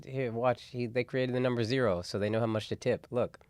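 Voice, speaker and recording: A man co-hosting a comedy podcast, swearing freely and trading quick jokes. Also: mid-range voice, fairly even intonation, darkish tone, dry recording, studio quality. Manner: profane, quick back-and-forth, laughs along. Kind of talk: loose comedic banter. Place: podcast studio.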